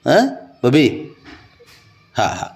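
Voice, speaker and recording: A man's voice: medium pitch, expressive, extremely slow, gravelly, slight background noise. A man teasing and coaxing his cats at home in a playful, sing-song baby-talk voice. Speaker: pet owner talking to his cats.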